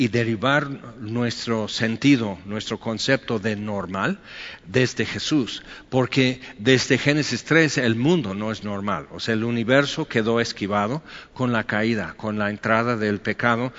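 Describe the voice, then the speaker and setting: Pastor guy, chatty jokey sermon, long hall echo, kinda muffled sound. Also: fairly bright tone. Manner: chatty, jokey, acts out quotes in a higher voice. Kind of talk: conversational sermon.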